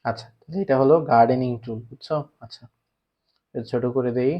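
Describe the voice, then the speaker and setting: A man's voice: medium pitch, steady tone, fast. A man with a Bangladeshi Bengali accent teaching an English class for primary students. He keeps asking the class questions and then answers them himself. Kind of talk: online class lecture. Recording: slightly dull lo-fi recording.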